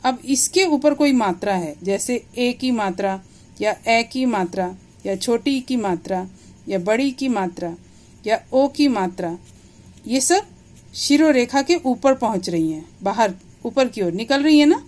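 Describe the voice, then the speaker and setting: A woman teacher with a somewhat high voice walks a class through a grammar lesson. She explains each point step by step and keeps asking small questions to check that the students follow. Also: expressive, unhurried, a little mellow.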